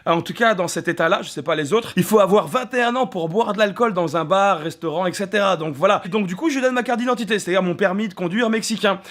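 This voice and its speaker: Fast-talking young man telling stories. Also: sits high. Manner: animated, swears freely, acts out quoted people. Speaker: gaming vlogger. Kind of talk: casual vlog storytelling. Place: hotel room.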